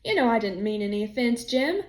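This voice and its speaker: A woman voicing a blunt, jovial male townsman who talks louder and in a hearty, joking way. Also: a little high, very animated, brisk, reverberant.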